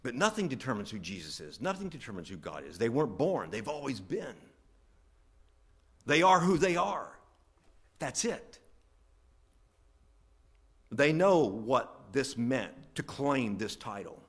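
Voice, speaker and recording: Middle-aged male pastor, from West Virginia, emphatic sermon delivery, mid-pitched voice. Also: sing-song, unhurried, husky. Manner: emphatic preaching, swells louder on key lines.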